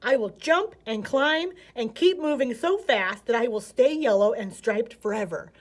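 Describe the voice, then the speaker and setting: A woman voicing an eager, restless, defiant young male python in an excitable, emphatic storybook manner. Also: on the high side, unhurried.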